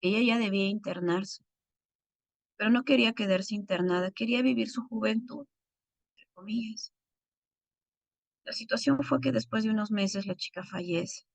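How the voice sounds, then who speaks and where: A woman's voice: mid-range voice, moderate pace, gravelly, long pauses, no room sound. A middle-aged woman teaching a recorded Bible course, speaking earnestly and directly to her listeners.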